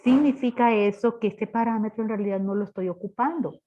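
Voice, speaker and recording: A woman with a mellow, somewhat high voice talks fairly quickly as she leads a step-by-step programming class. She's didactic, tossing out rhetorical questions while explaining, and the online class audio sounds dull and lo-fi.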